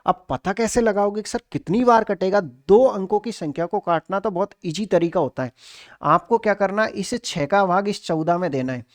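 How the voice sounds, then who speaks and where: A man's voice: high voice, normal speed. A male maths teacher with a Rajasthani Hindi accent explains exam problems step by step, asking and answering his own questions. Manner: asks and answers his own questions, addressing students as sir. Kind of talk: exam-prep maths lesson.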